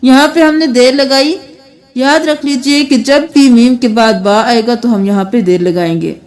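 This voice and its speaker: A woman with a high voice leads a Quran reading lesson. She explains each rule patiently and breaks words down slowly, sounding out one letter and vowel mark at a time. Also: a little mellow, faint music behind. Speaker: Quran recitation teacher.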